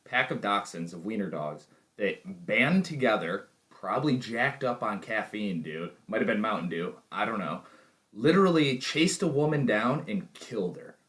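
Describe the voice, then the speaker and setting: A man's voice: fairly low pitch, expressive, normal speed, a bit bright. A man co-hosting a podcast in casual chat, joking and laughing easily. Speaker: podcast co-host.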